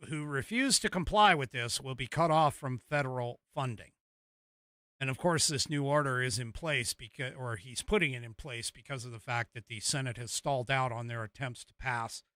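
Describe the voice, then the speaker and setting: Bright-voiced American man doing political commentary. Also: mid-range voice, moderate pace, dry recording, clean studio sound. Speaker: host of a political commentary show. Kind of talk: casual political commentary with read-out news.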